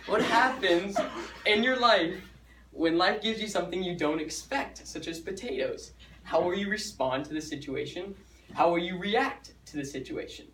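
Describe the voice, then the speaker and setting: A young man with a slightly high voice gives a chatty student talk, joking his way through it and stumbling over his words now and then. He sounds set back from the microphone. The echo of a large hall hangs around every word. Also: a bit bright, a little hiss or hum. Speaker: student speaker. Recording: echoey hall, mic far off.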